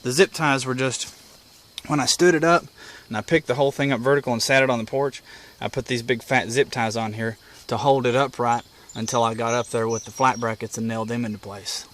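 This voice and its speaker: Standing outside next to a house porch, a hobbyist presenter gives a casual, down-to-earth, step-by-step walkthrough. His mid-range voice is steady, fairly bright, and fairly quick, while birds, insects, and outdoor sounds come through clearly.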